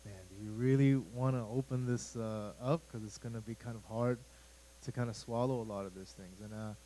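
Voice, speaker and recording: Here a man's medium-pitched, steady, brisk voice with a dark tone comes through poor audio with slight background noise. He's an American youth pastor in his thirties, talking casually and ramblingly to a church youth group in a church room, full of fillers and asides.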